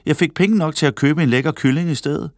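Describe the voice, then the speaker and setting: A man's voice: a little high, darkish tone, no echo, clean studio sound, voice pushed up, lightly acted. A man voicing a sly, cheerful trickster in a children's storybook reading, teasing and matter-of-fact. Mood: smug.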